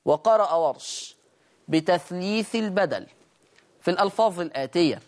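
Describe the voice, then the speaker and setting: A man's voice: high voice, expressive. Egyptian man teaching Quran recitation. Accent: Egyptian Arabic. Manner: slow, drawn-out demonstration of each word. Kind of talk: recorded tajweed lesson.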